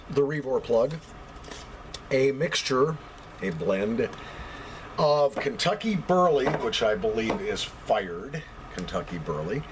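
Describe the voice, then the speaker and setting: A man's voice: medium pitch, a little hiss or hum, rough recording. An American man giving a casual, conversational review to camera, repeating phrases for emphasis. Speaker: pipe tobacco reviewer. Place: basement.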